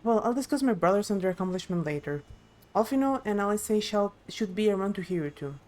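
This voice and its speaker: Reading live video game dialogue, a woman voices a proud, eager young princess who guides visitors, sounding earnest and explanatory. Her mid-range voice is expressive, fast and darkish, lightly acted.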